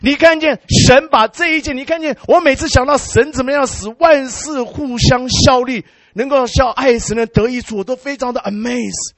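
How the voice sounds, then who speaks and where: High-voiced man preaching a lively sermon. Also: normal speed, no echo. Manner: animated, mixes English words into his speech; exclaims hallelujah and amen. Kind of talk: sermon storytelling.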